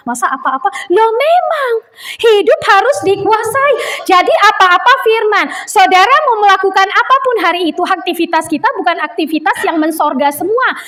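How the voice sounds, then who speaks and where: High-pitched lady giving a sermon, bits, acts out her stories. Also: fairly quick, few pauses. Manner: animated storytelling, acting out quotes. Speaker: preacher.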